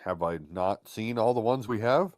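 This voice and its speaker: A man co-hosting a podcast in casual chat, animated and crude, often swearing and slipping into mocking voices. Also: on the low side, normal speed, dry recording, studio quality. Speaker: podcast co-host.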